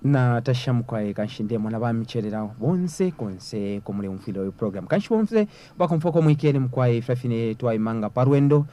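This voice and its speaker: A man's voice: mid-range voice, lively intonation, normal speed, hardly any pauses, dark tone. A man with a Zambian accent, hosting and presenting a programme. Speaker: radio-style programme host.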